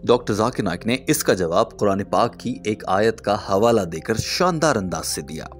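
A man reading a scripted narration in a measured, explanatory way, posing rhetorical questions. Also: lowish voice, animated, soft background music.

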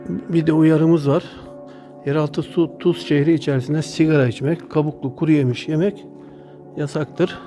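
Mellow man giving a vlog tour. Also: a little high, steady tone, normal speed. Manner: addresses viewers as friends while describing surroundings. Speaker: travel vlogger. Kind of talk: casual narrated walking tour. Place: inside an underground salt cave. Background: music.

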